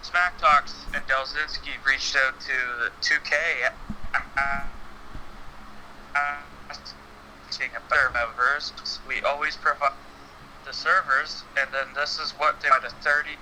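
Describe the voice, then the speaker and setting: A man talking through a phone on speakerphone, chatting casually as a podcast guest, halting with many fillers. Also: mid-range voice, flat delivery, bright, forceful tone, a little hiss or hum, poor audio. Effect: heard over a phone on speakerphone. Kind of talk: casual chat about wrestling games.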